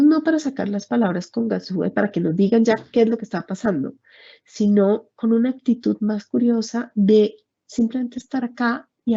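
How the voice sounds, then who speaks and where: A woman, calmly explaining emotions to parents in a workshop talk. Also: medium pitch, vocal fry, breathy edge. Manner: calm, explanatory, addresses the moderator by name. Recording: dull lo-fi sound.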